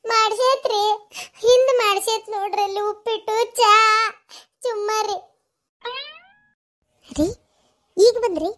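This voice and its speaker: A woman voicing Shantakka, a chatty, gossipy village woman with a North Karnataka accent, scolding and quick in a cartoon. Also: very high voice, a bit bright. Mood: chiding. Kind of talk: cartoon voice acting.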